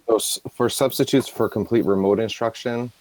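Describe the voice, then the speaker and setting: A man giving a halting report with restarts on a video call from home, his audio breaking up and dropping out. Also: mid-range voice, very animated, darkish tone, slightly rough, no room sound, poor audio. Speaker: school district administrator. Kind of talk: remote meeting report.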